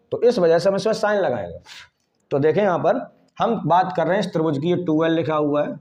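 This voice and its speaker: A man's voice: a little high, darkish tone, lo-fi sound. A man teaching physics at a board with a Hindi-speaking Indian accent, repeating key terms and asking questions back to the class. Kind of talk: whiteboard lesson.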